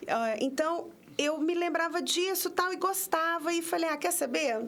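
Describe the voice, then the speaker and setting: Her very high-pitched, fairly bright voice moves at a moderate pace as she talks through her story on a podcast, hesitating and restarting frequently. She is a prosecutor in her fifties from the interior of São Paulo state, Brazil, in a conversational interview.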